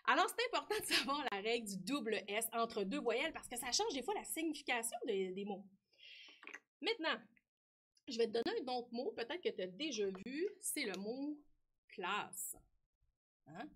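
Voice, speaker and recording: Lively Québécois woman teaching children. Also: a little high, breathy edge. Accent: Québécois French. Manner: lively, talks directly to the child, frequent "hein?". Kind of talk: French lesson for young children.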